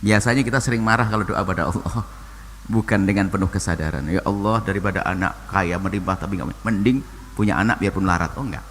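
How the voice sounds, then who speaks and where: A man preaching and answering a listener's question, talking in an animated way that swings from low and soft to high exclamations. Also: fast talker. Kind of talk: sermon. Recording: long hall reverb, faint noise.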